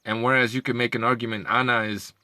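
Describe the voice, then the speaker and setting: A man's voice: medium pitch, little pitch movement, quick pace, bright, forceful tone, no room sound, studio quality. A man giving a heated, profane rant as a video commentator, often stumbling over repeated words. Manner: heated, profane, repetitive ranting with stammered restarts. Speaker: commentary vlogger.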